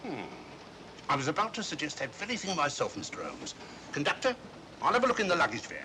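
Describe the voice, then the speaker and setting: A man, acting an officious, excitable police inspector, formal and blustering, in a vintage mystery film. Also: quick pace. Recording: vintage film soundtrack, train rumble.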